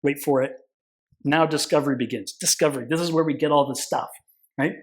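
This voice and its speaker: Animated, profane middle-aged lawyer telling a story. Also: male voice, fairly high pitch, fairly quick. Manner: animated, profane, lots of filler words, acts out dialogue. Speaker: consumer protection attorney, guest. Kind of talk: casual storytelling conversation.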